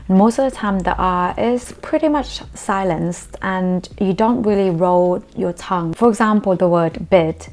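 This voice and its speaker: A young woman with a slightly low voice explains pronunciation tips in a lesson to camera. English is not her first language, and she slows down to say example words carefully and deliberately. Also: darkish tone. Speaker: accent coach.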